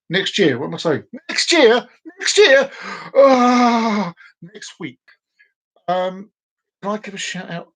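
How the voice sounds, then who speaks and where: A man in his forties hosting a casual live stream, chatting playfully with viewers and repeating his words as he rambles. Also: sits high. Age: 40s.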